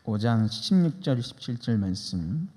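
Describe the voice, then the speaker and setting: A man's voice: mid-range voice, very animated, a little slow, dark tone. A man preaching a sermon as pastor, emphatic and leading the congregation in repeating lines. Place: church sanctuary. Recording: long church reverb.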